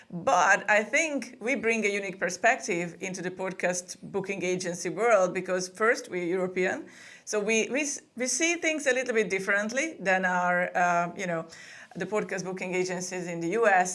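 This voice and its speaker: A woman's voice: mid-range voice, a bit bright. A woman from Hungary, chatting as a guest in a remote interview. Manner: chatty, with frequent laughs and restarts. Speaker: podcast booking agency co-owner, guest. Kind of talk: casual interview conversation.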